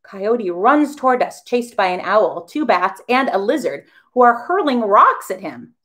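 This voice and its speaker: A woman who teaches a children's music class, reading a storybook aloud in an expressive, animated way. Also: mid-range voice, a little slow.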